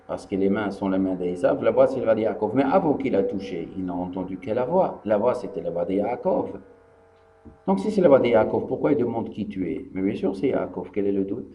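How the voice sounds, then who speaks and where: A rabbi from Tunisia gives a Torah lesson, telling the story in a lively way, acting out the dialogue and repeating the key phrases. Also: male voice, lowish voice, a little fast, roomy sound. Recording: dull lo-fi archive recording with faint hum.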